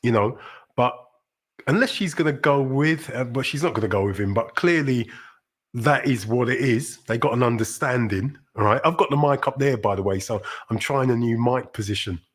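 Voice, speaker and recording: A man's voice: mid-range voice, normal speed. A middle-aged man from South London with a London accent, hosting a casual livestream in a chatty, rambling way with sudden upbeat exclamations. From South London, England. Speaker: livestream host.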